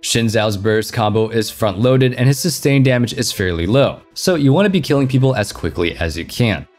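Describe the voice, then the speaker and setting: A man's voice: mid-range voice, animated, normal speed, a little mellow. A man hosting a gaming channel, reading a scripted top ten countdown narration as an explainer with punchy emphasis. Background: background music.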